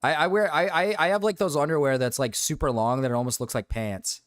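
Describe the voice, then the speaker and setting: A man's voice: a little high, a little fast, no room sound, clean studio sound. A man streaming live, chatting casually in a rambling, self-interrupting way and laughing often.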